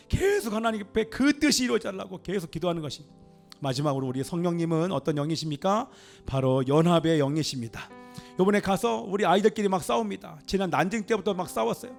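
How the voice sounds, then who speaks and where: High-pitched, gravelly Korean pastor preaching. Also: male voice. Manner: emphatic preaching, rises to exclamations and calls of amen. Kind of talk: sermon. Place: church sanctuary.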